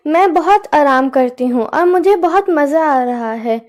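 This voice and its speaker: A woman's voice: sits high, expressive, measured pace, a little mellow. A woman voicing a lazy, grateful ox in a storybook tale, cheerful and thankful. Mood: content.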